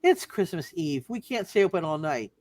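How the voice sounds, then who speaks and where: A woman's voice: low-pitched, sing-song, normal speed, a little mellow, dry recording. A woman playing a prim, wary spinster librarian in a hammed-up radio play reading. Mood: curt, guarded.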